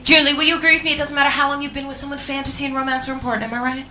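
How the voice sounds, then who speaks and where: A woman's voice: high voice, level tone, rapid-fire, bright, forceful tone. A woman with an American accent, born in England, doing a stand-up set with crowd work, teasing and swearing and laughing between jokes. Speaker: stand-up comedian. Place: comedy club stage before a live audience.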